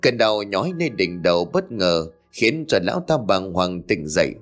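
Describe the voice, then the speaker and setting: A man narrating a ghost story in a dramatic, expressive way. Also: low-pitched, moderate pace, soft background music.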